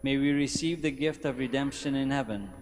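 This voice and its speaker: A man recites liturgical prayers in a measured, solemn cadence at an ordinary middle pitch. His voice rings through a large church, trailing a long cathedral echo. The prayers come steady and unhurried. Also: slight background noise. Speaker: priest leading prayers.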